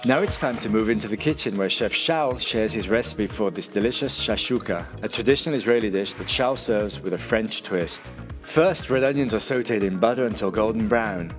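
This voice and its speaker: A man reading scripted voice-over narration of a recipe in an even, measured way. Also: lowish voice, dull audio, faint music behind.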